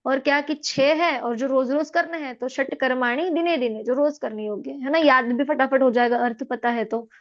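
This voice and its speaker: ऊँची आवाज़ वाली शिक्षिका, धीमी recording. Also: female voice, high-pitched, moderate pace, few pauses. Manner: explains patiently, checks with students. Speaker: teacher. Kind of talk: scripture class explanation. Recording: dull lo-fi audio.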